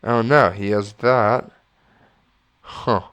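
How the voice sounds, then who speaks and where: A chess streamer with a stuffy nose and a slight cough muses aloud through his moves as he plays, often correcting himself. His voice sits on the low side with a fairly bright tone and fairly even intonation, and he speaks very slowly; the recording has a little hiss or hum.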